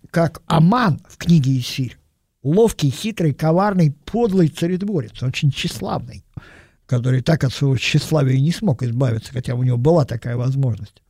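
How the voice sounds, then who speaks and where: A man's voice: a little high, mellow, slightly rough, dry recording, clean studio sound. An older man giving a thoughtful, digressive sermon and dwelling on single words. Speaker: preacher. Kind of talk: reflective sermon.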